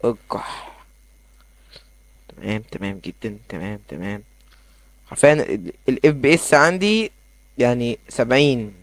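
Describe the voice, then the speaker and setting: A young man with an Egyptian accent giving excitable, rambling commentary as he plays a game in his bedroom. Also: mid-range voice, no echo. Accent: Egyptian Arabic. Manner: excitable, rambling, quick asides. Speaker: gaming YouTuber. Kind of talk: casual gameplay commentary.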